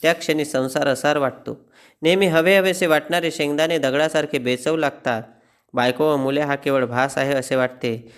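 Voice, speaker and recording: A man giving an expressive, wry reading of a humorous essay, like a teacher reading a lesson text aloud. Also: medium pitch, clear, resonant tone. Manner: wry, self-mocking storytelling.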